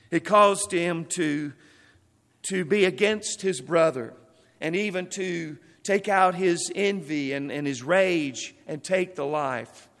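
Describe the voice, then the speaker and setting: A man's voice: sits high, a bit bright, long reverb tail. A man preaching a sermon. He reads scripture passages aloud and then explains them.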